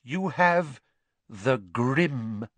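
A man voicing a misty, dramatic female divination professor who foretells doom in a faint, drawn-out, theatrical way. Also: mid-range voice, animated, fairly bright tone, no echo, voice pushed up, full character voice.

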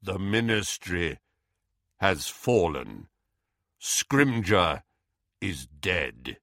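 A man voicing a grave messenger with a deep, loud, slow voice. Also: big pitch swings, creaky, no echo, clean studio sound, heavily acted. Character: deep slow commanding male voice.

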